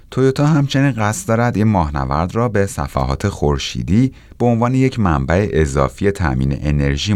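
Very deep-voiced man reading news. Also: no room sound. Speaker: technology news presenter. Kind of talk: scripted news narration.

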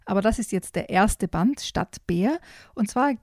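A woman talking enthusiastically about children's books in a casual, relaxed way, with frequent fillers. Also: medium pitch, a little slow, dry recording, studio quality. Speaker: children's book reviewer. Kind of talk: casual book chat.

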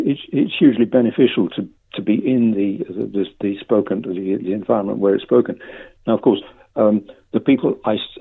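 An older man giving a hesitant, stammering interview with measured academic phrasing over a phone. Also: on the low side, creaky, slightly rough. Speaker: interviewee, lexicographer. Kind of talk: interview conversation. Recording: narrow phone-like line.

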